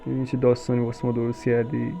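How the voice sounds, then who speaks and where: A young man giving comic commentary while he plays a game. He talks to the characters on screen and jumps from mock soothing to sudden shouting. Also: medium pitch, monotone, creaky, rough recording. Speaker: gameplay commentator. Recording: game music under the voice. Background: game music.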